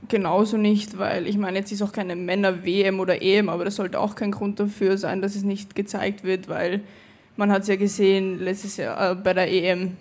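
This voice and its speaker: A woman's voice: medium pitch, little pitch movement, normal speed, a little mellow. Young woman, Viennese Austrian German accent, mid-range voice, casual interview guest, conversational. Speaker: guest, professional footballer. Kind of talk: casual conversation at a live audience event.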